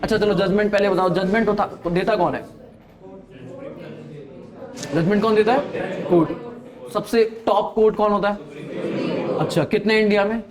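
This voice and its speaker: Guy from delhi lecturing a class, high voice, keeps asking okay?. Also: fairly even intonation, fairly quick, a crowd in the background. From Delhi, India. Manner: quizzes students, keeps checking "okay?". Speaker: accounting teacher. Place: classroom with students.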